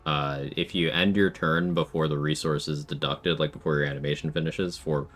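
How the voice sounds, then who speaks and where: Man, very low bass voice, matter-of-fact, thinking aloud over a game, light music behind. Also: steady tone, normal speed, fairly bright tone. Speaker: gaming streamer. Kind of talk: casual gameplay commentary.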